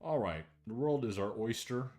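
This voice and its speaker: A man's voice: mid-range voice, animated, moderate pace, a little mellow, soft background music. A man streaming a game over a headset mic, chatting casually and thinking aloud as he plays. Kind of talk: casual livestream chat while playing. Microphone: livestream headset mic.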